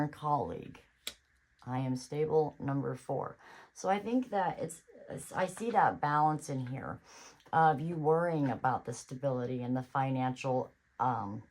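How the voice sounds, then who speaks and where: Low-voiced woman giving a casual tarot reading. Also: a little mellow, low-quality recording. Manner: chatty, reassuring, thinks aloud. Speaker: tarot reader.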